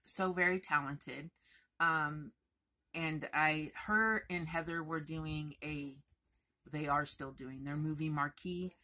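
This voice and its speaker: A woman crochet vlogger talking in a chatty, rambling, expressive way to her viewers. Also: low voice, slow. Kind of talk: casual chatty vlog.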